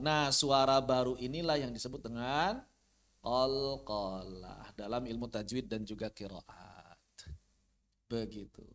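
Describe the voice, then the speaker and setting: A man teaching an online tajwid lesson, explaining Arabic sounds and demonstrating them by repeating words. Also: fairly high pitch. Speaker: Quran recitation teacher.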